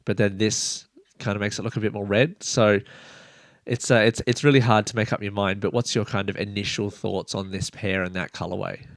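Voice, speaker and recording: Gravelly low-voiced man hosting a podcast. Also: steady tone, fairly quick, dry recording, studio quality. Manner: rambling, lots of "kind of" and "you know". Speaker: podcast host. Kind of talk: casual sneaker podcast chat.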